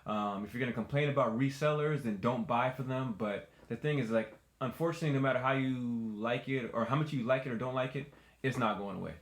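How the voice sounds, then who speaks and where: Teasing, opinionated male host, mid-pitched voice, recorded in a roomy space. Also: fast. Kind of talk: casual chat. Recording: echoey room.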